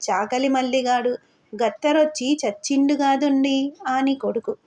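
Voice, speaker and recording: A woman's voice: high voice, normal speed, a little mellow, natural voice. A woman reading the lines of a respectful male villager reporting to his landlord in an audio novel. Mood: deferential.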